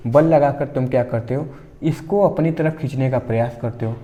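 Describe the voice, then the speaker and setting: A man teaches an exam-prep physics lesson in a conversational way, leaning on everyday examples. His voice is mellow and dark, at an ordinary pitch for a man. He keeps pausing to check that his students are following. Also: highs cut off. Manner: conversational, repeatedly checking understanding with the class; explains through everyday examples.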